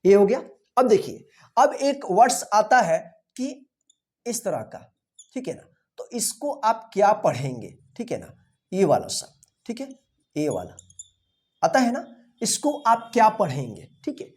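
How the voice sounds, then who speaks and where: A man's voice: high voice, sing-song, unhurried, pauses often, a little mellow. Man teaching phonics, repeating checks. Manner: asks rhetorical questions, repeats "theek hai na" often; spells words out letter by letter. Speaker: English teacher. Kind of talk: online phonics lesson.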